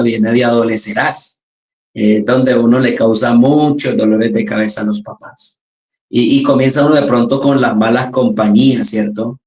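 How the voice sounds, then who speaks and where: Speaking with a Colombian accent, this young-adult chaplain shares his church testimony in interview form, earnest and frequently starting over. The voice has medium pitch and a darkish tone, recorded with roomy echo.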